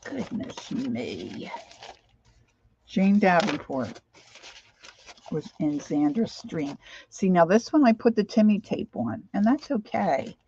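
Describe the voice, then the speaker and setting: A woman's voice: medium pitch, expressive, a little slow, dark tone, breathy edge, no echo. Chatty American woman, lisping from missing teeth. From Pennsylvania, United States. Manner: rambling, chatty, addresses viewers by name. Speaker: craft livestream host. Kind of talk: casual livestream chat. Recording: dull, lo-fi sound.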